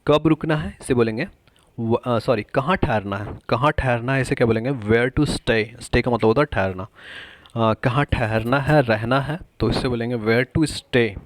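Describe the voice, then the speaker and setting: A man teaching everyday English phrases, repeating each one slowly and asking viewers to comment their answers. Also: mid-range voice, no room sound.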